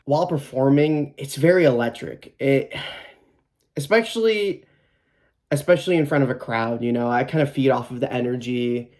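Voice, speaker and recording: With a darkish tone, medium pitch, and normal speed, this young man in his twenties, a guitarist in a band, responds to documentary interview questions. His answers are relaxed but uncertain, full of fillers and false starts.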